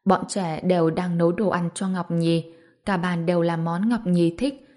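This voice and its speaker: A woman reads a family story aloud in a calm, steady way. Her voice sits fairly low for a woman and moves at an even pace. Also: moderate pace. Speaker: narrator. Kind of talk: storybook narration.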